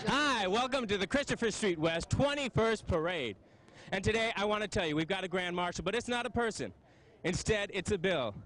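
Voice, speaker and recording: A high-voiced American man reports live from the street as a field reporter. He talks quickly, with faint outdoor noise around him. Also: lively intonation, fairly bright tone, poor audio. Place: outdoors among a parade crowd.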